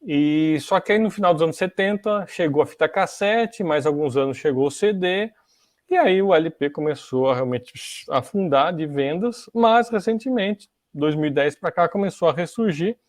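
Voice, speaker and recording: A Brazilian man hosts a podcast in a casual, teaching style, walking through the history of music technology and often tossing in little tag questions to check in. His voice is fairly high-pitched with a darkish tone, his pace is normal, and the studio recording is clean with no echo.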